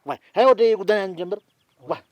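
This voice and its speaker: An actor in a sitcom, playing a blustering, animated man. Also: high-pitched, fast talker, no room sound, close to an everyday voice. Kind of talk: sitcom acting.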